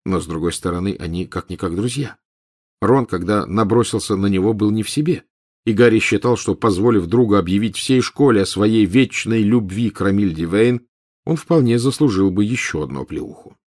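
Low-voiced male audiobook narrator. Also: a little fast, darkish tone. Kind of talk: scripted narration.

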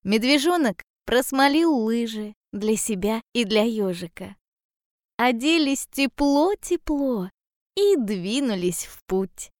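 A woman narrates a fairy tale in a calm, measured way, taking her time over every phrase. Her voice sits a little high, and the sound is close and dry. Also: dry recording. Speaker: storyteller.

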